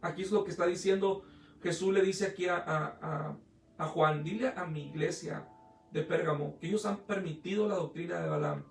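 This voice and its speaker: High-pitched preacher man, echoey hall. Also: steady tone, normal speed, vocal fry, far from the mic, slight background noise. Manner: storytelling with acted quotes, many hesitations and restarts. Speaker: pastor. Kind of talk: sermon. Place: church hall.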